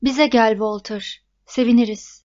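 A woman voicing a calm older brother in his early teens, coaxing and steady, on a dull lo-fi recording. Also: on the high side, unhurried, close to an everyday voice.

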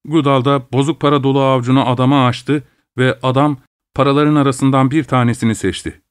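A man reading a literary short story aloud in a measured, steady narration. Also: medium pitch, smooth, dry recording, studio quality. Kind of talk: scripted narration.

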